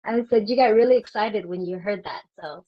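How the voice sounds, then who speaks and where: A woman's voice: medium pitch, a little fast. Earnest woman on muffled lo-fi audio. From Vietnam. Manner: earnest, reflective, with hesitant restarts. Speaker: guest. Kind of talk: personal interview storytelling.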